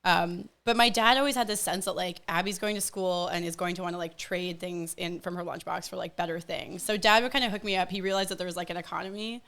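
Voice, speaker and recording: A woman's voice: fairly low pitch, fairly even intonation, quick pace, creaky, few pauses, a bit bright. A woman chatting as a podcast guest, rambling with lots of fillers and frequent laughter. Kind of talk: casual chat.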